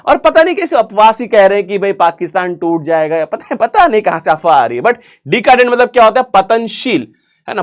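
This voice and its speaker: A man teaching vocabulary for an exam in a chatty, joking way, asking questions and answering them himself, with English words in an Indian accent. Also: sits high. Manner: chatty, jokey, asks and answers his own questions. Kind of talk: online exam-prep vocabulary lesson.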